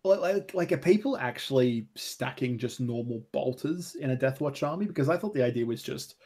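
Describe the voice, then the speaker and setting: This man co-hosts a podcast, chatting casually in a mid-range, slightly mellow voice that is expressive and brisk. He rambles, packs his speech with "like" and "you know," and swears freely.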